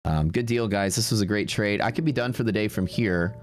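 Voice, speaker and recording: A man with a Texas accent and a lowish, brisk voice streams his day trading live, with faint music behind him. He talks casually and brashly, chatting directly with his viewers.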